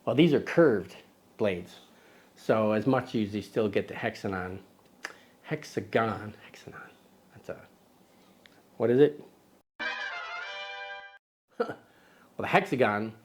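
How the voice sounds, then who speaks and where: Rambling joking man hosting, low voice. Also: a little slow, pauses often, a little mellow. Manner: rambling, self-correcting, joking asides. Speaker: host of a camera lens video. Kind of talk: casual vlog lens review. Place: outdoors.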